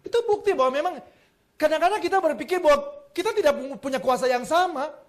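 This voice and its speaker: A man with a high voice preaches a sermon to his congregation. He tells stories with humor and acts out the people in them. His delivery jumps between loud emphatic lines and quiet asides. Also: quick pace. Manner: lively storytelling with jokes and acted quotes. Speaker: pastor.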